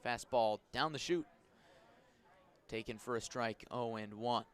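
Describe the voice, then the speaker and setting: Delivering live radio play-by-play of a baseball game, a man describes the action in short, descriptive bursts. His mid-range voice is smooth and a little slow.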